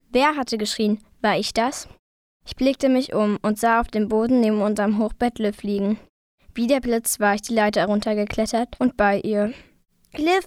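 A woman reading a first-person story aloud, chapter by chapter, crying out the shouted lines. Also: a little high, smooth, no echo, studio quality. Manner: reads chapter by chapter, cries out the shouted lines of dialogue.

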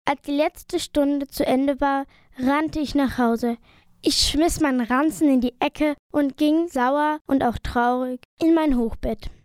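A woman's voice: high voice, steady tone, slow, a little mellow, no room sound, studio quality. A woman reading a first-person story aloud in a plain, uneven reading voice. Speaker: narrator.

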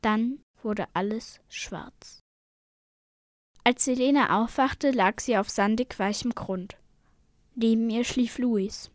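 A woman narrating a storybook in a steady, expressive reading voice. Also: a little high, slow, no room sound, clean studio sound.

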